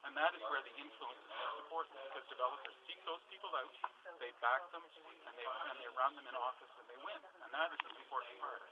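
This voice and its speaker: A man's voice: mid-range voice, fast. A man giving impassioned political commentary at a press scrum, emphatic and given to repeating his points. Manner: emphatic, rhetorical questions and repetition. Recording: dull, noisy scrum recording.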